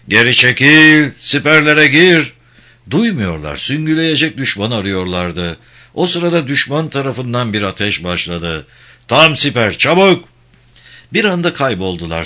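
A man narrating a war novel in a steady storytelling delivery. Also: fairly low pitch.

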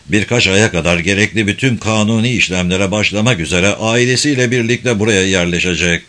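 A man reading the lines of a cold, calm young mafia boss in a measured way. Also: on the low side, lightly acted. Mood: calm, firm.

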